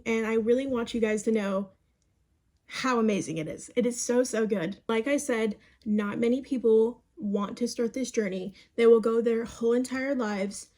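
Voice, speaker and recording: Speaking to her phone camera, a woman around twenty offers upbeat, chatty advice, addressing viewers as "babes" and "you guys." Her pitch is slightly high and her tone is warm.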